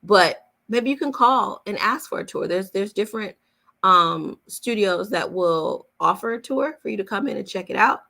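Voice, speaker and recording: A voice-over coach hosting a live Q&A speaks at a moderate pace in an expressive, medium-pitched voice that is gravelly with a sharp tone. In this casual chat she explains emphatically, point by point, repeating herself.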